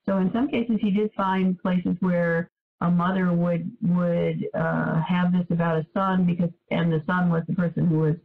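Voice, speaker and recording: A woman hosting for a foundation, chatting casually in a webinar, speaking haltingly and repeating words as she searches for them. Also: on the low side, little pitch movement. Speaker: host for a foundation. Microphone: video call. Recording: tinny phone-like call audio.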